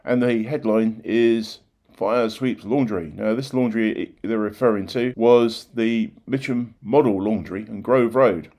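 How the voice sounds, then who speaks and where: An older man narrates old local newspaper clippings informally, adding plain-spoken conversational asides. His voice is fairly low, a bit mellow, and he takes his time.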